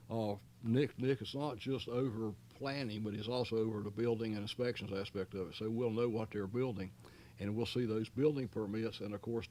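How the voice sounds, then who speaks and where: A man's voice: fairly low pitch, a little mellow. A man serving as county manager, explaining items at a public board meeting in a folksy, long-winded way with many fillers and restarts.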